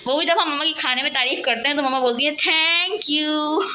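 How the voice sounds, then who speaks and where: A woman vlogging casually at home, chatting and rambling to her viewers and talking loudly over household noise. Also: high-pitched, racing, dull audio. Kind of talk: casual home vlog chat. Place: at home, cooking and sweeping nearby.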